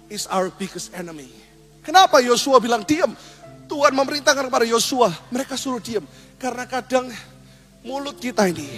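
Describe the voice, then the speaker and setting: High-voiced lively man preaching. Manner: lively, humorous preaching with acted asides and audience questions. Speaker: pastor. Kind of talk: sermon.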